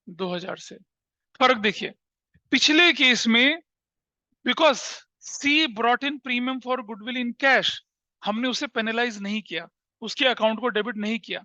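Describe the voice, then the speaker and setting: A man's voice: very high voice, sharp tone, no echo, highs cut off. A man teaching accountancy in a classroom with an Indian accent, explaining step by step and asking rhetorical questions. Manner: explaining with rhetorical questions, mixing English terms. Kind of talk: classroom lecture.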